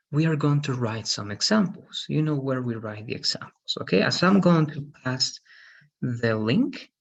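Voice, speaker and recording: Male teacher in his thirties, slow and husky, muffled webcam sound. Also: mid-range voice. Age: 30s. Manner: slow, patient, tags sentences with "right?". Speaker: English teacher. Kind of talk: online class explanation. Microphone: video call webcam. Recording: dull lo-fi video call audio.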